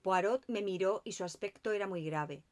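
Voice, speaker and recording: A woman reading a mystery novel aloud as audiobook narration, calm and measured. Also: medium pitch. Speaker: audiobook reader.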